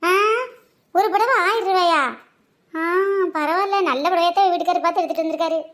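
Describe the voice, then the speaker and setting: A woman's voice: very high voice, brisk, a bit bright. A woman with a sore throat, voicing several village women in teasing comic banter. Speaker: comedy skit performer.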